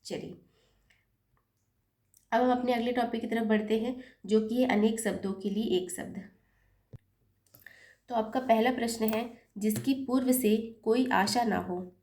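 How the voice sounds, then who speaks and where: Her voice is on the high side with a dark tone as this Hindi teacher runs an exam-prep lesson. She patiently lays out corrections step by step, and when she makes a slip she fixes it and apologizes.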